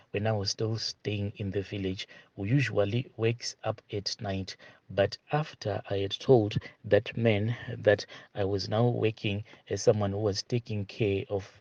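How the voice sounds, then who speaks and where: A man with a lowish, darkish voice hosts a storytelling channel, reading a listener's confession aloud as a plain first-person retelling with repeated asides. The audio is dull, lo-fi, and dry.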